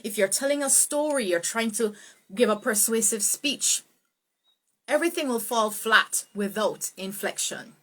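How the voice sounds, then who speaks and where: Woman, speech coach, live online tutorial, fairly high voice, dramatic swoops in pitch, webcam sound. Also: unhurried. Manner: expressive, swoops pitch up and down for emphasis; greets viewers by name, laughs easily.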